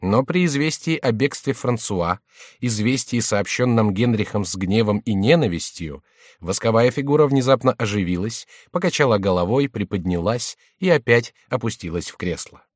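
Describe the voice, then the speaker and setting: Man reading a novel aloud, lowish voice, dry close sound. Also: no echo. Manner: measured, even reading. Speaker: audiobook narrator. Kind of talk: scripted audiobook narration.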